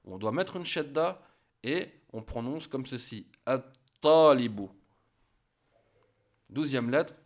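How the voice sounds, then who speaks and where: A man at a middle pitch teaches a spoken lesson at a very slow, deliberate pace. He pronounces each example word with care and then repeats it so learners can follow along. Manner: careful, repeats each word to model pronunciation. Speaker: Arabic teacher.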